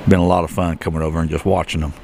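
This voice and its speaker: A man's voice: rumbling low, level tone, very fast, vocal fry, darkish tone, a little hiss or hum. A man giving a casual walking-tour commentary outdoors, rambling with many fillers and restarts. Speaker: travel vlogger. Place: outdoors at a shopping and entertainment complex.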